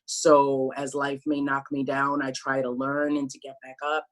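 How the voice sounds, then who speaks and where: Thoughtful middle-aged woman, measured speech. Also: rumbling low, completely flat delivery, low-quality recording. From Brooklyn, New York, USA. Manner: thoughtful, measured, with frequent ums and restarts. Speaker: interview guest. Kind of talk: candid sit-down interview.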